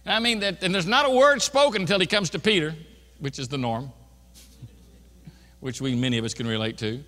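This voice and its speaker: A man's voice: fairly high pitch, a little fast, bright, forceful tone, in a large hall. A man preaching an earnest, emphatic sermon in a church, often restarting his phrases. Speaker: pastor. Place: church sanctuary.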